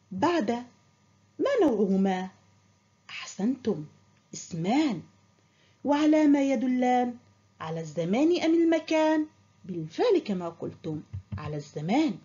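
A woman's voice: fairly high pitch, mellow, highs cut off. A woman teaching a primary school grammar lesson, asking pupils questions and praising their imagined answers. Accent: Qatari. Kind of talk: recorded classroom lesson.

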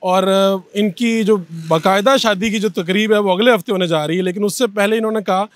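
A young man, hosting a brisk street interview outdoors with a handheld mic. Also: sits high, fairly even intonation, no echo. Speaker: interviewer and anchor. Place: busy city street outdoors.

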